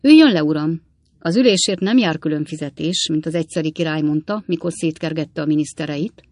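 A woman's voice: sits low, darkish tone, dry recording. Woman doing a cheeky young manservant. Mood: teasing. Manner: mock-innocent, teasing. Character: cheeky quick-witted young male servant.

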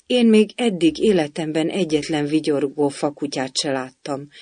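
A timid, polite young girl speaks carefully and eagerly , as a man voices her. The voice is raised in pitch and recorded dry and close. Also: dark tone, no echo, natural voice. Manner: polite, a little shy, eager.

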